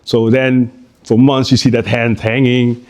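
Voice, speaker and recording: A man from Curaçao giving an informal live talk as a guest speaker at an art exhibition. He speaks in a halting, conversational way and often restarts his sentences. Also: mid-range voice, flat delivery, a little mellow.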